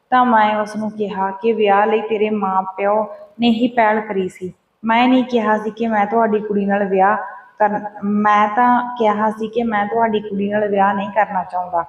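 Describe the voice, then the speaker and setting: A woman reading a first-person story aloud, speaking the quoted lines in her own plain voice. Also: mid-range voice. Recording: roomy echo, voice from a distance.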